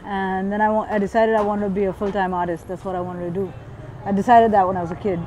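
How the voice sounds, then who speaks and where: A woman's voice: medium pitch, fairly even intonation, quick pace, dark tone, slight background noise, rough recording. A woman in her thirties who grew up in Switzerland, a graffiti artist speaking reflectively in a documentary interview, thinking aloud with small restarts. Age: 30s. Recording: hip-hop music playing underneath.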